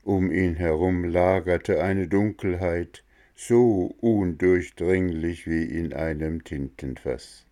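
Deep, slow male storybook narrator. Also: mellow. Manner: measured, dramatic reading.

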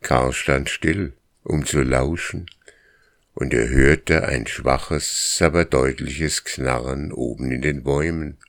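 Male audiobook narrator with a very deep, unhurried read and a dry, close sound. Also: vocal fry, no echo. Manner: slow, measured storytelling. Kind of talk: scripted narration.

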